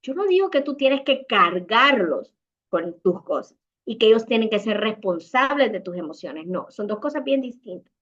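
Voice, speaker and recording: A woman's voice: fairly high pitch, big pitch swings, moderate pace, dull audio. A woman with a Salvadoran Spanish accent gives parenting advice in an online talk, speaking conversationally and acting out short dialogues between parents and children. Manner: warm conversational advice, acts out little dialogues.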